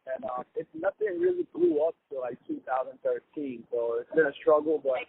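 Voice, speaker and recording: A man's voice: fairly high pitch, wildly swooping pitch, fairly quick, gravelly, slight background noise. A young man from Ghana, a comedian, chatting easily in a casual interview over the phone. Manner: easygoing, upbeat, chatty with fillers. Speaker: comedian guest. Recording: tinny phone-line sound.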